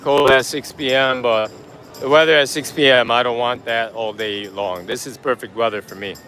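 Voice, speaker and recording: A man live-streaming as he walks a busy city street, rambling in a relaxed way and greeting chat viewers by name. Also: medium pitch, moderate pace, soft background music. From United States. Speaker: livestream vlogger. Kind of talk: casual live-stream chat while walking. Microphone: handheld phone on a gimbal.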